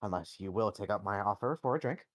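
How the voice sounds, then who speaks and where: A man's voice: lowish voice, expressive, fast, no room sound, studio quality, lightly acted. A man voicing a courteous villager who speaks in stilted, old-fashioned phrasing.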